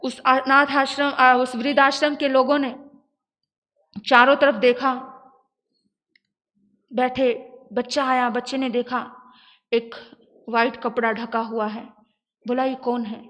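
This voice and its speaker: A woman sadhvi giving an emotional storytelling sermon, moving between loud appeals and hushed narration. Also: high-pitched, little pitch movement, slow, long pauses. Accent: Hindi. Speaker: Jain sadhvi preacher. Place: large hall, live sermon. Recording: echoey hall reverb.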